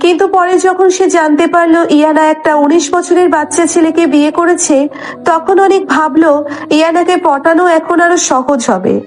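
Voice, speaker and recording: A woman's voice: very high voice, steady tone, normal speed. A woman giving dramatic, scripted narration of a romance story. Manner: dramatic, descriptive. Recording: soft background music.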